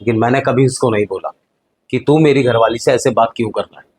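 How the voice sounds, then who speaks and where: A middle-aged man acting as an elder brother and husband in a family drama, speaking in a calm, reasoning way that sometimes sinks quiet. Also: medium pitch, fast, slightly rough, close to an everyday voice.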